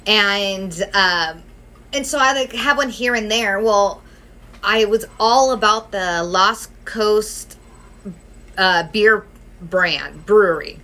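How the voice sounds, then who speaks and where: A woman chats casually as a podcast co-host. Her voice is bright and sits at a middle pitch. She talks in a relaxed, easygoing way. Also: slow. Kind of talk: casual chat.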